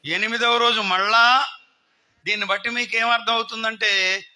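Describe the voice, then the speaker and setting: A man's voice: high voice, fairly even intonation, normal speed, bright, forceful tone. A man preaching a sermon, putting questions to the congregation and acting out scenes. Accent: Telugu. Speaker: pastor. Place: outdoor gathering.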